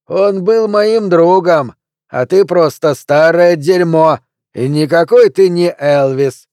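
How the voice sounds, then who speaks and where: A man voicing a skinny, toothless drunk who wheezes and shouts slowly. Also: fairly high pitch, dry recording, clean studio sound, voice pushed up. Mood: scornful. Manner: wheezing, slow and loud.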